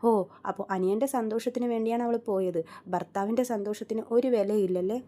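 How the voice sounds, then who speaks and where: A woman's voice: medium pitch, fast, warm tone, lightly acted. A woman voicing an angry young husband who drives a taxi, asking bitter rhetorical questions.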